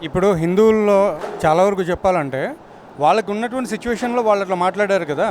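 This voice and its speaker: A man's voice: high-pitched, rapid-fire, darkish tone, slight background noise. A man interviewing a pastor, pressing him with challenging questions.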